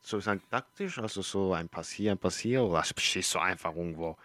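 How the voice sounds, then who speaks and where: A man from Chile with a deep, slightly bright voice speaks German quickly on a dry recording. As a podcast co-host, he chats casually, using slang and often searching for words.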